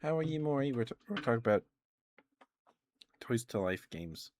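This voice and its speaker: A young man doing soft-spoken, casual ASMR rambles in a giggly, halting way, close to the microphone. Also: medium pitch, sing-song, a little hiss or hum. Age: young adult. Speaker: ASMR streamer.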